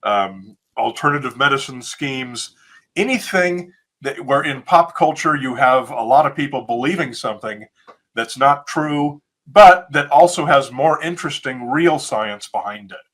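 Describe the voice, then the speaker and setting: A man's voice: medium pitch, expressive, measured pace, a bit bright. A man who podcasts, answering interview questions in a casual, explanatory way.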